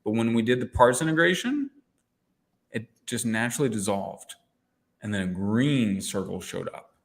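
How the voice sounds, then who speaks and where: A man talking as an interview guest and coach, telling lively stories and acting out his own inner dialogue, with frequent restarts. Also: fairly low pitch, normal speed, vocal fry. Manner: energetic storyteller, acts out quoted inner dialogue; rambling restarts and repeated words. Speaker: guest, NLP coach and entrepreneur mentor. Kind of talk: casual interview conversation.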